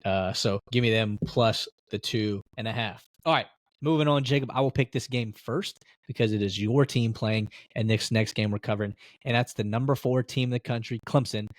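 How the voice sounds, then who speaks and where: A man's voice: medium pitch, normal speed, no echo. Chatty sports podcast co-host man, dry sound. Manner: chatty, storytelling, laughs easily. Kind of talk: casual sports chat.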